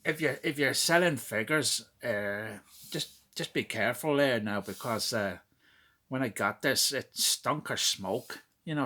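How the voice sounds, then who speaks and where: A man's voice: mid-range voice, bright, forceful tone. A man putting on a Northern Irish accent to give some chummy, teasing advice. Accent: Northern Irish, put on.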